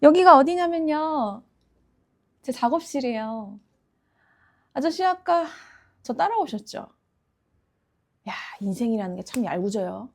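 An actress performs a female psychopath in a dramatic monologue. Her high voice swings widely between bright, giggly taunts and hushed threats. The manner is playful and mock-polite, with unhinged menace toward her captive. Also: expressive, measured pace, long pauses, exaggerated voice. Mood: taunting.

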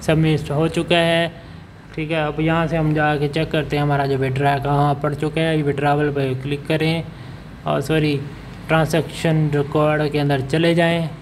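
A man talks viewers through an app on his phone, step by step, often pausing to correct himself. His voice sits a little high and stays flat in pitch throughout. A faint hiss runs under the recording. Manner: explains step by step, many fillers and self-corrections. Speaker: channel host. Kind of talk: screen-recorded app walkthrough. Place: voice-over over phone screen recording.

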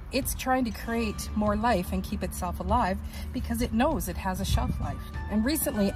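A woman's voice: mid-range voice, low-quality recording. A woman gardening vlogger in a chatty, casual how-to style, explaining while she works in an outdoor garden.

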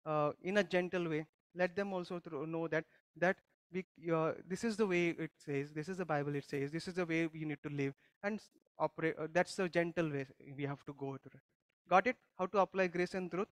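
A man with a high voice preaches a conversational church sermon. He often stops to put questions to the congregation and restarts his sentences as he goes. His voice sounds dry and close. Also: steady tone, fairly quick, dry recording. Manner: teaching with frequent questions to the congregation and many restarts. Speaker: pastor. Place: church service.

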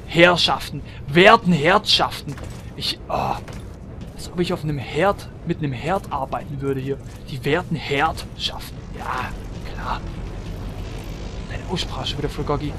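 Brief: man, high voice, playful let's-play commentator, hums and chants through fights. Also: moderate pace, background noise. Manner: chatty, hums and chants while shooting, frequent exclamations. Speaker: let's player. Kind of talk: gameplay commentary.

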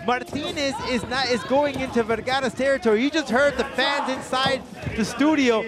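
A man's voice: extremely high pitch, steady tone, normal speed. A man giving live sports commentary as an analyst, emphatic and repeating his points. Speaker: fight analyst. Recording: loud music and crowd behind. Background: crowd and music.

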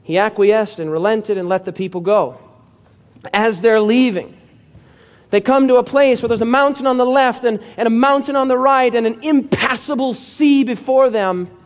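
A man's voice: very high voice, normal speed. A male pastor preaching a sermon with emphatic storytelling and calls for amen.

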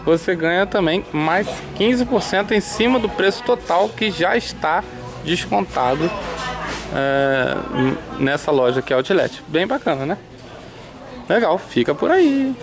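With music playing behind him, the Brazilian man strolls through outlet shops for his casual vlog, upbeat and talkative as he points things out on his handheld camera. His high voice has lively intonation and a slightly slow pace.

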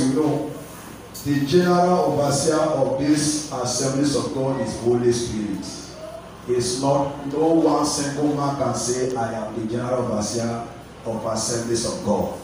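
A young Nigerian man preaching in a big tiled church hall, speaking slowly and deliberately over a handheld mic. The sound is boomy with heavy reverb, and the phone catching it sits well back in the room. His questions to the congregation rise into call-and-response. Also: a little mellow, slight background noise. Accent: Nigerian English. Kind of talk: sermon. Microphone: handheld microphone. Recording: echoey hall filmed from a distance.

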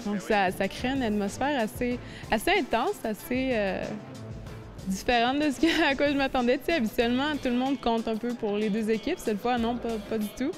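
A young woman in her twenties with a Quebec French accent, answering interview questions in a chatty, animated way. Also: on the high side, moderate pace, faint music behind. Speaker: athlete interviewee.

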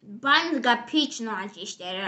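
A woman's voice: mid-range voice, pushed and bright. A young girl casually reviewing candy at a home table, chatty and giggly, now and then slipping into English phrases. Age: child.

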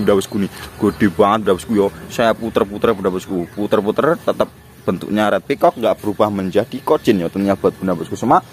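A man sells plants in a casual pitch. He keeps up a repetitive patter, circling back over names and prices as he presents his stock. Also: slight background noise. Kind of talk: casual live-style sales pitch.

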